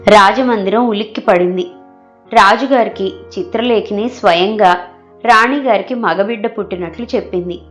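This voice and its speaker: A woman narrating a folk tale in a steady, measured storytelling voice. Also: medium pitch.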